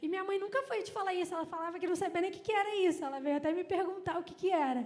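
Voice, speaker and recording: Woman with a Brazilian accent, very high voice, lively testimony, church hall with long echo. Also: rapid-fire. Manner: lively storytelling, acting out quoted people. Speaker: church speaker giving testimony.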